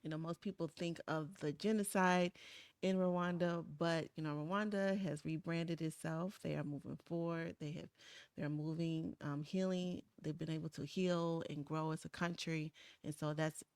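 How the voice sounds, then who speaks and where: A woman hosting an online interview from her home studio, upbeat and often pausing on "um". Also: deep voice, steady tone, darkish tone, clear, resonant tone, no echo. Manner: upbeat, frequent "um" fillers. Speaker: host. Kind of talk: webinar interview. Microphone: video call.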